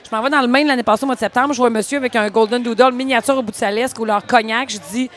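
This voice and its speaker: A woman with a Quebec French accent, co-hosting a podcast and telling animated stories in casual chat. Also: on the high side, very fast. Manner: animated storyteller, chatty filler "là". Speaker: podcast co-host.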